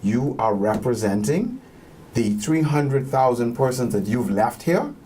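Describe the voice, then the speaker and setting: A man, a music producer being interviewed, speaking earnestly and motivationally and pausing to find his words. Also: medium pitch, expressive, warm tone. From Bahamas. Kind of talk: reflective interview talk.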